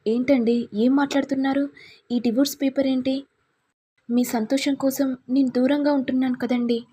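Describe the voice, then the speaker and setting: A woman voicing a meek young wife who pleads gently with her husband. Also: high-pitched, little pitch movement, a little fast, slightly rough. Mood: pleading.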